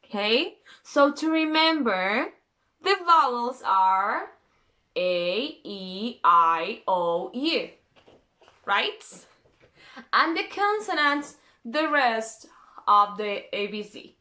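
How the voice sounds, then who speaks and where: A woman's voice: fairly high pitch, pushed and bright. A woman teaching an English grammar lesson, spelling out letters one at a time and checking in with "okay?" after nearly every phrase.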